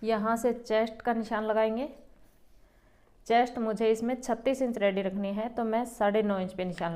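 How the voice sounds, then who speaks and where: A woman who runs a boutique, calmly explaining step by step how to cut a garment as she works. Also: mid-range voice. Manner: calm, explains each step while working. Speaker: boutique owner teaching tailoring. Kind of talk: step-by-step sewing tutorial.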